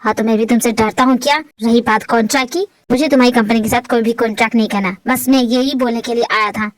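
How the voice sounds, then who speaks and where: A woman's voice: on the high side, fairly even intonation, fast talker, no echo, pitched below the performer's own voice, close to an everyday voice. A woman voices a cold, brooding young husband in a dubbed story drama. His speech is curt and suspicious, set well below her own voice. The recording is dry and close.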